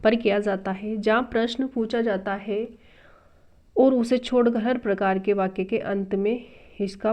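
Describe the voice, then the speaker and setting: A woman at a middle pitch walks through a grammar lesson from a textbook, saying each term twice and explaining it patiently. The sound is muffled and lo-fi. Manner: patient step-by-step explaining, repeating terms. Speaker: Hindi grammar teacher. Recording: dull lo-fi recording.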